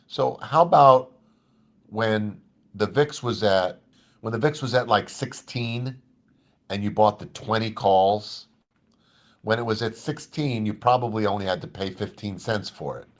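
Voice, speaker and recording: A man teaching options trading in a casual live Q&A, thinking aloud and reading figures off a screen. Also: fairly low pitch. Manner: conversational, thinks aloud with restarts, walks through numbers on screen. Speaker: trading educator.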